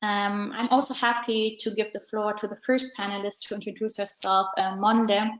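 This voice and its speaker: A woman introducing an online panel as moderator, measured with frequent fillers, over a video call. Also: medium pitch, level tone, roomy sound, muffled recording. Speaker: webinar moderator.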